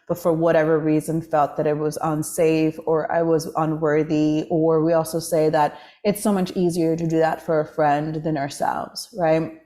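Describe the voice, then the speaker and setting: A woman talks to camera in a slightly low voice, unhurried and reflective. She trails off and restarts often, filling gaps with soft "ums" and "you knows." She sounds a little emotional and off. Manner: soft, reflective, with many fillers and self-corrections. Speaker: podcast host. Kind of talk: casual personal vlog monologue.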